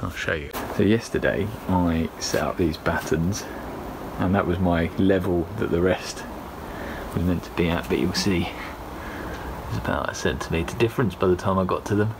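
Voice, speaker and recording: A man's voice: sits low, normal speed, background noise. Wry young man filming his garden. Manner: wry, self-deprecating. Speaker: home brewing vlogger. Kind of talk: casual vlog narration. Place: outdoors in a back garden and inside a wooden cabin. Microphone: phone camera at arm's length.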